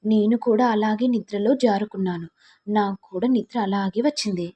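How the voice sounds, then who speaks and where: A young husband pleading his case and walking through events step by step, as a woman puts him on. The tone stays mellow and slightly husky. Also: medium pitch, steady tone, normal speed, dull audio, lightly acted. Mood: defensive. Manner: protesting, explaining step by step.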